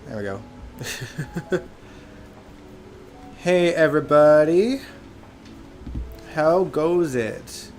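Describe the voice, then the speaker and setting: A man's voice: on the high side, lively intonation, very slow, long pauses, over music. A man hosting a soap opera after show in a casual livestream chat, talking with a stuffed-up nose from allergies, laughing often and greeting viewers by name. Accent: Canadian.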